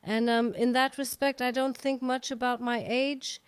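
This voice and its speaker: Reflective woman in her fifties, very clear. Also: fairly high pitch, level tone, normal speed, no echo. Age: 50s. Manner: reflective, with frequent ums and restarts. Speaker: guest. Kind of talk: conversational interview.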